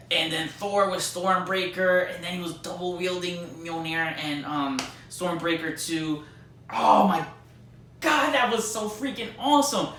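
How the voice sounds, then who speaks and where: A man with a slightly high, pushed and bright voice gives a casual, rambling movie review, full of slangy, mildly sweary and emphatic fan enthusiasm. The recording has a roomy echo, a distant mic and faint noise.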